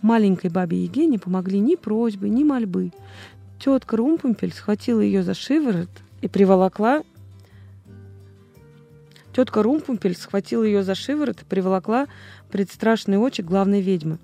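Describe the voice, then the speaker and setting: A woman's voice: mid-range voice, lively intonation, normal speed, vocal fry, mellow, soft background music. A woman narrating a storybook as an audiobook reader, reading expressively.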